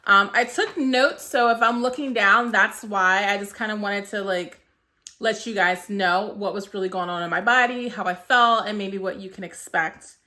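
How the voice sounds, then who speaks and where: Woman, 30s, vlogger. Bright tone, chatty and loose with fillers, slightly breathless. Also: mid-range voice, moderate pace. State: short of breath. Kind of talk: casual vlog talk to camera.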